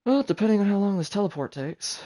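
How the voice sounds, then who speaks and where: A man with a high-sitting, mellow voice streams a game and commentates casually, speaking fast and animatedly as he chats and mutters to himself. Video game music plays in the background.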